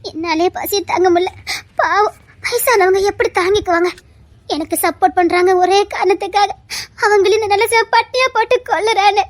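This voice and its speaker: A woman playing a poor, hungry young worker who speaks timidly and softly, with a Tirunelveli Tamil accent. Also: very high-pitched, normal speed. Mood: weary. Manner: timid, soft-spoken, begging. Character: poor, hungry young woman working to feed her family. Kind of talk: emotional web-series acting.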